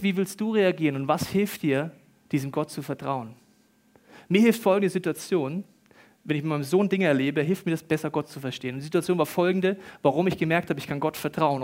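A middle-aged male pastor preaching a sermon, swinging between hushed, intimate tones and loud, excited bursts. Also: a little high.

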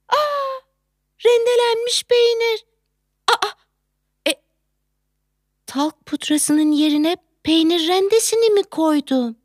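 A harried young working mother, played by a woman in a theatrical monologue, exclaiming in alarm one moment and cooing to her baby the next. Her voice sits high and leaps all over, yet she lingers unhurriedly over her words. The sound is dry and close, with no room around it. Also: fairly bright tone, no echo, exaggerated voice. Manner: frantic, exclaiming, coos to a baby. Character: flustered young working mother, factory worker.

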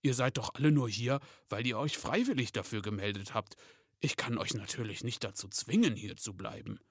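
A kindly old Santa Claus, played by a man, measured and unhurried with a slightly lowered voice. Gentle but serious, recorded dry and close. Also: no room sound, lightly acted. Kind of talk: storybook reading with voices.

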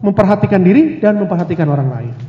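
High-voiced man giving a seminar. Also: expressive, fast talker. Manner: mixes in Sundanese phrases, asks the audience questions, acts out little scenes. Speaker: speaker on family communication. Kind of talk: lively seminar talk to an audience. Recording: echoey hall, dull lo-fi sound.

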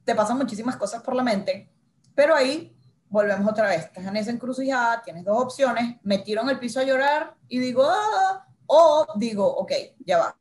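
A woman in her thirties speaks as an interview guest, recounting her working life at an easy conversational pace. She bursts into lively quoted lines of her own thoughts along the way. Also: on the high side, fairly quick. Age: 30s. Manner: animated, acts out her own inner dialogue. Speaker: guest, journalist.

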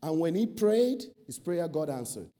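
High, mellow-voiced man preaching. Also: sing-song, moderate pace. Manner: emphatic preaching with rhetorical questions and lists. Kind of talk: sermon.

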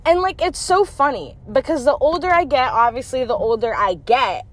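A woman's voice: high-pitched, moderate pace. A young woman talking candidly to her viewers in a blunt, profane, confiding way. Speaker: vlogger. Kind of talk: candid monologue to camera.

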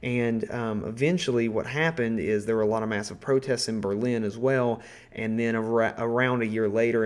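A man hosting a podcast, explaining history in a casual, rambling way, full of ums, restarts and swearing. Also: fairly low pitch. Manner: rambling, profane, full of ums and self-corrections. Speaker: podcast host.

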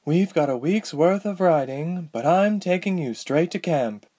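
A man voicing a fierce woman rebel leader with a smooth, commanding voice. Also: on the high side, lively intonation, a little slow, mellow, voice pushed up. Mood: urgent. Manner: commanding, cross.

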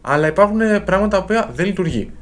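Man, 20s, podcast co-host, reflective, self-doubting, hesitant, lively intonation. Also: high-pitched. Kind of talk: casual chat.

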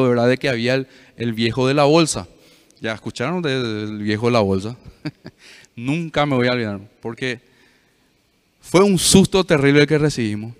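A man's voice: medium pitch, a bit bright, long reverb tail. A male pastor preaching to a youth meeting, telling a story with frequent questions to the audience.

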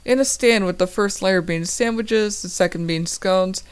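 A woman's voice: mid-range voice, normal speed, clean tone, close to an everyday voice. A woman voicing a friendly, joking teenage boy with magic powers in a read-aloud story.

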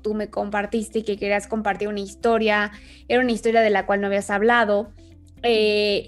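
A woman hosting a faith podcast and interviewing a guest in an upbeat, chatty way. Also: on the high side. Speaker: podcast host.

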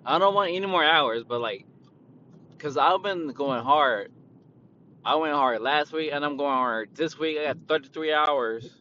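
Slow-talking man ranting about work. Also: sharp tone. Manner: profane, laid-back, quotes people in a raised voice. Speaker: retail worker. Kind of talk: casual storytelling rant. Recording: dull lo-fi with vehicle rumble.

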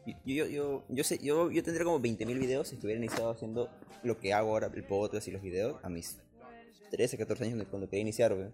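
A man's voice: mid-range voice, darkish tone, soft background music. A young man, co-hosting a podcast in casual, slangy chat, often laughing. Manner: fast, slangy and laughing, slips into put-on voices. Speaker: podcast co-host.

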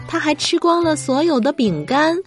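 A woman tells a bedtime story to children as its host. Her voice is high and lively in pitch, with expressive storytelling over soft music. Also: moderate pace. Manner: expressive, addresses children with questions.

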